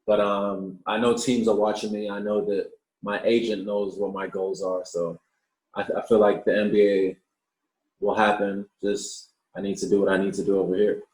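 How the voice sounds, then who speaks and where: Low-voiced young man in an echoey room. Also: moderate pace. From Australia. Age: 20s. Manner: relaxed, repeats words when starting sentences. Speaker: professional basketball player, guest. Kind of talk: casual interview answers.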